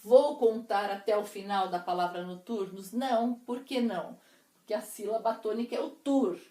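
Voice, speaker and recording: A woman teacher explaining poetic meter to her class, counting syllables slowly and deliberately. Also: medium pitch, warm tone. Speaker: literature teacher. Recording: echoey room.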